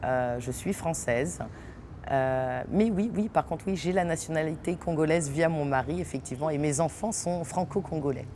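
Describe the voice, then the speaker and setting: A woman's voice: low voice, normal speed, a little hiss or hum. A woman from French Guiana, an actress and theatre company owner, answering interview questions with lots of laughter and hesitations in an unfinished theatre hall. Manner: lively, laughs often, many hesitations.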